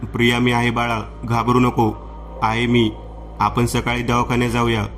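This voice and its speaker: A man's voice: medium pitch, monotone, moderate pace, a bit bright, a little hiss or hum, lightly acted. A man voicing an anxious, caring village mother who pleads with and fusses over her teenage daughter in a horror story. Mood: worried.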